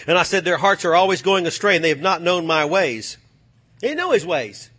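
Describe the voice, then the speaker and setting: A man preaching a sermon, swinging from low, quiet passages to shouted, fiery calls to the congregation. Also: very animated, a little fast, husky.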